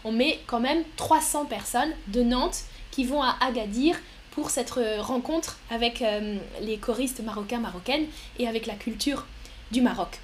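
A woman hosting a live stream, talking slowly and clearly as she reads out viewer comments and answers them with frequent light laughter. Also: fairly high pitch, slight background noise. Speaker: livestream host.

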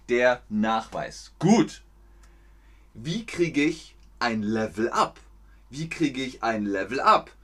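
A man teaching German in a livestream, speaking slowly and clearly with playful high jumps in his voice. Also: a bit bright. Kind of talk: livestreamed language lesson.

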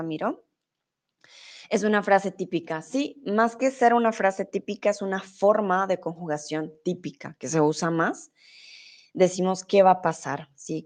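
A woman teaching a live online Spanish class, patiently reading out student comments and explaining grammar, her voice a little off today. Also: fairly low pitch. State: voice a bit off today.

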